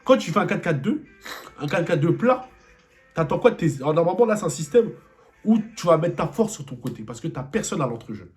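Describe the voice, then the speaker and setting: A man's voice: a little high, very animated, a little fast, a little mellow, soft background music. A man giving an angry post-match football debrief, repeating himself and firing rhetorical questions. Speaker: football vlogger.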